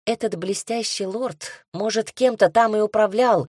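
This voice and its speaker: A woman narrating a first-person fantasy audiobook in a lively, ironic storytelling manner. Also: medium pitch, a little slow, slightly rough, no room sound, clean studio sound.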